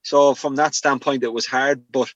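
A man's voice: medium pitch, fairly even intonation, normal speed, dry recording, dull audio. A man in his forties with a west of Ireland accent, chatting casually and colloquially as a podcast guest. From Galway, Ireland. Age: 40s. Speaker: podcast guest, former professional footballer and coach. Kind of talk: casual chat.

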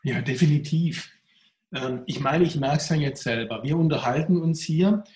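A man answering interview questions in a candid, reflective way. His voice sits fairly high and sounds pressed and tense, and it rings with a roomy echo. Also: moderate pace, darkish tone. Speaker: mental trainer.

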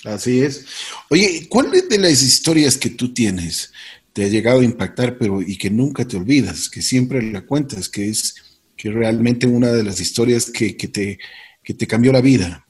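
Host guy w a husky voice, says uh-huh a lot, asks long rambly questions. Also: medium pitch, expressive, normal speed. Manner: brief affirmations, rambling questions. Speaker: interview host. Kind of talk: casual interview questions.

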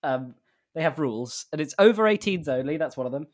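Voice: medium pitch, lively intonation, a little fast. A co-host of a comedy podcast who rambles and laughs while reading from a website. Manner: rambling, reads aloud from a website, laughs often. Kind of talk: casual comedy chat.

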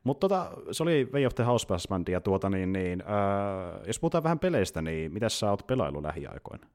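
A man's voice: lowish voice, very animated, a little mellow. A man co-hosting a casual podcast, chatty and laughing often, with lots of fillers. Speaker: podcast co-host. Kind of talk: casual chat about games and anime.

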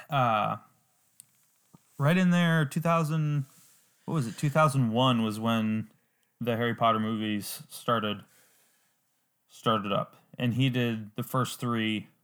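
A man hosting a casual podcast chat, relaxed and rambling with fillers. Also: medium pitch, smooth.

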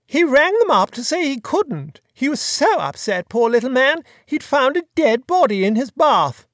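Storybook elderly duchess, gossipy and emphatic, raised and lively, voiced by the narrator. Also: high-pitched, normal speed, no echo, studio quality, pitched above the performer's own voice. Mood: gossiping. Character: elderly dowager duchess, chatty and kindly. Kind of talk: audiobook dialogue.

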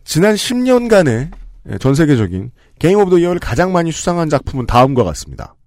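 A man hosts a casual podcast with scripted segments, reading lists of games in a lively, joking way with asides and laughs. His voice is on the high side and fast, recorded in a studio with no echo.

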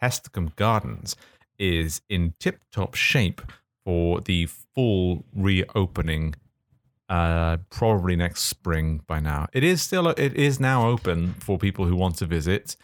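A male podcast co-host telling a comic story in casual banter, mock-pedantic and halting as he builds his points. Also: low-pitched, dry recording, clean studio sound.

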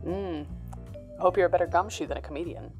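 A woman's voice: lowish voice, animated, fairly quick, creaky, a little mellow, faint music behind. A woman playing a cocky, teasing 1930s-style gangster boss in a noir audio drama, talking in sardonic old-time slang.

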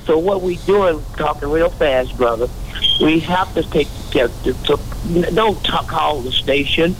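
On a phone line to a radio show, an older caller speaks earnestly and preachily, wandering from point to point. He has a fairly high voice and an unhurried delivery, with a noisy background.

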